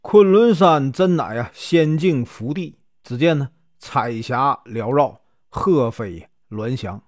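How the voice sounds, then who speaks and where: A man with a Northeastern Mandarin accent telling a classic myth in a lively storytelling style, stretching filler particles between phrases. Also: medium pitch, slow, few pauses, dry recording, clean studio sound. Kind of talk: storytelling narration.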